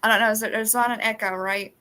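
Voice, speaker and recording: A woman's voice: fairly high pitch, steady tone, fast talker, bright, forceful tone. A woman hosting a live stream, chatting casually and rambling with many restarts. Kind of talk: casual chat. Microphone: phone.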